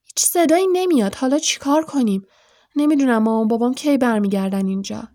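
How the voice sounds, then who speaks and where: A woman voicing an eager, excitable boy wizard in an audiobook, talking in quick, urgent bursts. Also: lightly acted. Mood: anxious. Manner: quick, urgent, high-pitched outbursts. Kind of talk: audiobook character voice.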